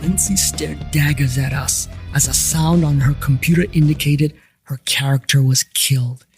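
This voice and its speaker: A man's voice: a little high, steady tone, moderate pace, soft background music, lightly acted. A man playing a wry first-person investigator who narrates the story with dry asides in an audio drama.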